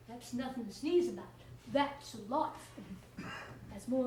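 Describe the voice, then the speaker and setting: A woman's voice: sits high, darkish tone, lightly acted. An actress playing a chatty, irreverent charwoman on stage, laughing often as she talks to a silent listener. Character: chatty middle-aged charwoman, cheeky and irreverent. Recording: echoey stage sound from far off, faint hiss.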